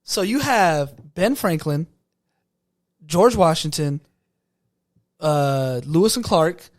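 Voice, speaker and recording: A man's voice: fairly high pitch, animated, takes it slowly, no echo, studio quality. A young man hosting a casual podcast, teasing his father with laid-back questions. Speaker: podcast host.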